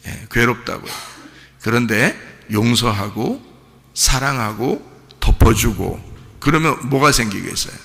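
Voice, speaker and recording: A male pastor preaching in a church sanctuary, his voice heavily gravelly and forceful. He talks in an animated way, repeats his phrases and keeps asking the congregation questions. A long hall reverb trails after every line. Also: mid-range voice. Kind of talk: sermon.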